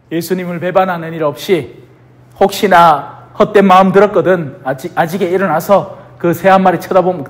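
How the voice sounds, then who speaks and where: A middle-aged man with a Gyeongsang accent telling Bible stories in a colloquial, animated catechism class. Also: high voice.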